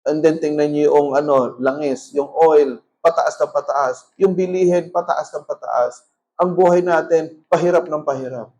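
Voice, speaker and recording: Emphatic Filipino pastor with a high voice. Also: male voice, fairly even intonation, moderate pace, poor audio. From Philippines. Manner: emphatic, swings between loud appeals and quiet asides, mixes Tagalog and English. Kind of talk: sermon.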